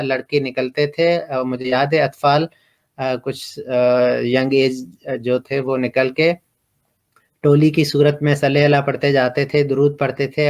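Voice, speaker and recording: A middle-aged man from Pakistan, telling his personal story slowly and hesitantly, with many pauses and fillers. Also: mid-range voice. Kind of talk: reflective personal testimony.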